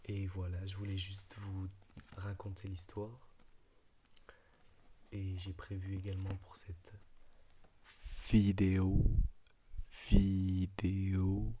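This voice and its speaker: Low, hushed man half-whispering, slow ASMR. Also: completely flat delivery, slight background noise. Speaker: ASMR video creator. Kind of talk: ASMR book talk and reading.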